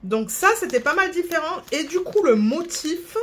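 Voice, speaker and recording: Chatty woman, higher voice. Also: animated, normal speed, fairly bright tone. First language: French. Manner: rambling, stops to search for words. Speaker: vlogger. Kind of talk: casual chat.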